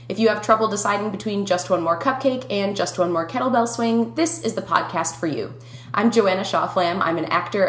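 A woman's voice: mid-range voice, reverberant. Chatty Minnesotan woman podcast host. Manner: chatty, laughs often. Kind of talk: casual podcast chat.

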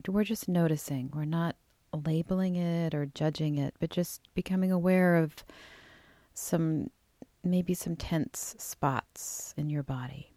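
Low-pitched woman, slow soft relaxation guide. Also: no room sound. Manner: unhurried, with drawn-out phrases and pauses. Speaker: yoga and relaxation teacher.

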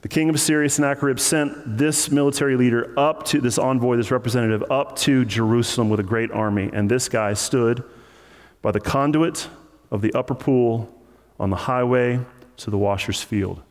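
A male pastor delivers a sermon in a relaxed, chatty manner, dropping in light jokes as he teaches. His mid-range voice rings out with a long reverb tail, as if from a large sanctuary. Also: mid-range voice, moderate pace. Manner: casual, conversational, joking asides. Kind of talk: sermon teaching through scripture.

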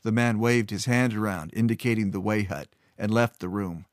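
A man narrating a fantasy story in a steady, measured way. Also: lowish voice, no echo, clean studio sound.

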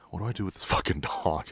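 Deep-voiced blunt New York cop. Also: male voice, a bit bright, husky, dry recording. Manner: blunt, profane and direct. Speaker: podcast host and police officer. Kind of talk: casual storytelling.

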